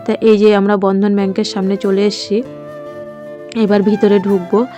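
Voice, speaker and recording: Mellow, flat-voiced mother vlogging. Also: mid-range voice, normal speed, faint music behind. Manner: rambling, heartfelt, many fillers. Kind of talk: casual vlog narration.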